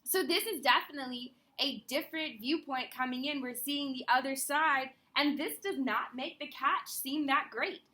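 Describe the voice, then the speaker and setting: Bright high-voiced woman teacher. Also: normal speed, hardly any pauses. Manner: explanatory with self-corrections. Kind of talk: recorded history lesson. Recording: echoey room.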